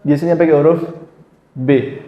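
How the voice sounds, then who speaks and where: A man's voice: a little high, fairly even intonation, normal speed, reverberant, highs cut off. A man teaching Quran recitation, drawing out sounds and explaining them patiently.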